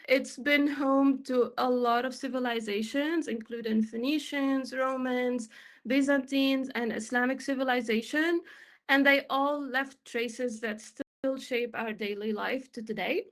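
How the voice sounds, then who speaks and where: On an online panel, a Tunisian woman in her twenties talks about her work as an XR developer in a cheerful, chatty way, full of fillers. Her voice sits high and a bit bright.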